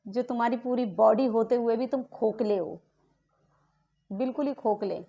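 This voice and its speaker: Indignant high-voiced woman ranting. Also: moderate pace, vocal fry, warm tone, muffled recording. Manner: indignant, accusing, repeated rhetorical questions. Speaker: vlogger. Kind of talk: angry family-dispute rant to camera.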